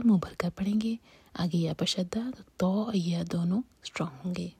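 A woman giving a whispered tajweed lesson. She whispers each rule in a breathy voice, then recites the verse slowly and aloud. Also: fairly low pitch, dark tone, dry recording. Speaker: Quran recitation teacher.

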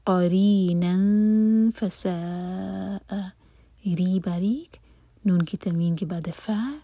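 Soft-spoken woman teaching Quran recitation. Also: on the low side, breathy edge, no room sound. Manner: soft whispered explanations between slow drawn-out recitation. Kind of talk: tajweed lesson with recitation.

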